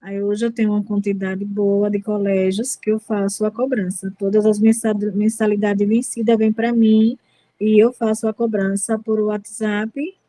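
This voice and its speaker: A woman's voice: medium pitch, level tone, normal speed, warm tone, no echo, rough recording. A woman from in northeastern Brazil, introducing her collection business firmly and emphatically on a video call. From Sergipe, Brazil. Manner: firm, emphatic, self-assured. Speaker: debt collection business owner.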